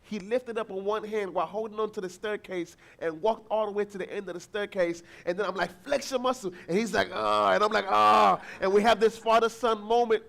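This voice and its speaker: A man preaching a sermon as pastor, telling a family story and acting out the people in it, with bursts of shouting. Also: sits high, brisk, gravelly, hardly any pauses. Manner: animated, acts out voices, shouts encouragement.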